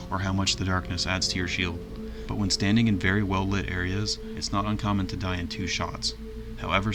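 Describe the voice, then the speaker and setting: A man narrating a video game review in an informal, plainspoken way. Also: low voice.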